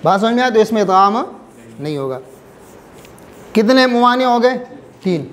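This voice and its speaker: A man teaching a recitation class, drilling his students with repeated check questions and reciting examples slowly, letter by letter. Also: high-pitched, lively intonation. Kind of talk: classroom lesson.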